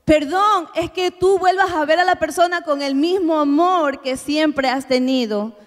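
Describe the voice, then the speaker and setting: A woman's voice: high-pitched, unhurried. A woman giving an earnest, heartfelt sermon with a personal testimony at a church women's workshop. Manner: earnest, heartfelt preaching to the congregation. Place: church meeting hall. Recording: reverberant church hall.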